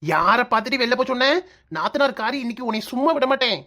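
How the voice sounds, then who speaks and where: A woman's voice: a little high, animated, fast, pushed and bright. A woman playing a cheeky mocking daughter-in-law. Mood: defiant. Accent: Kanyakumari Tamil. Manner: teasing, mocking, brash. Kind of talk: comic cartoon voice acting.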